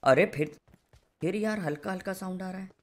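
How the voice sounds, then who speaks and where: A man's voice: high voice, normal speed. A young man streaming a game and doing sponsored commentary, with crude, rowdy, teasing banter. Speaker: gaming streamer.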